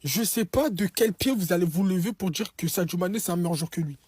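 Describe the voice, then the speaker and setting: Emphatic man with a husky dry voice. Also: high-pitched, brisk, a little mellow, no room sound. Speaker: football commentator. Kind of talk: casual opinion to camera.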